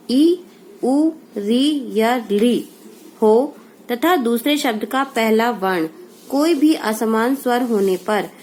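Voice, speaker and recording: A woman teacher giving a grammar lesson, asking questions and answering them herself, with a faint hiss behind her. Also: on the high side.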